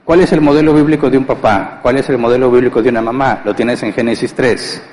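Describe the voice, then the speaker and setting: A man's voice: mid-range voice, steady tone, fast, a little mellow, big-room sound, poor audio. A male pastor giving a conversational sermon, asking rhetorical questions and acting out family scenes with humor. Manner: conversational, asks rhetorical questions and answers them; acts out household scenes with humor. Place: church.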